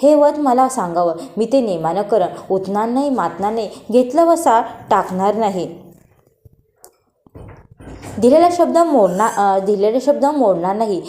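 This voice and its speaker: A woman's voice: on the high side, lively intonation, measured pace, mellow, echoey room. A woman voicing an anxious young palace maid who questions and pleads in a raised voice. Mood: pleading.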